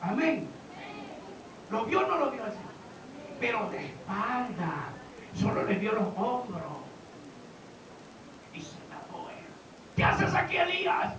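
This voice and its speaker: A male pastor delivers a sermon in a church hall, dropping to low talk and then shouting, often quizzing his listeners. His very high voice sounds distant and roomy. The recording is dull and hissy. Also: very animated, slow pace, long pauses. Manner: questions the congregation, swings from low talk to shouting. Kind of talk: Pentecostal-style sermon.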